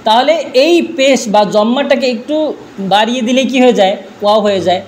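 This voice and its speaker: High-voiced man drilling a class. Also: normal speed. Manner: drilling with repeated questions. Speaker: teacher. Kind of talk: classroom grammar lesson.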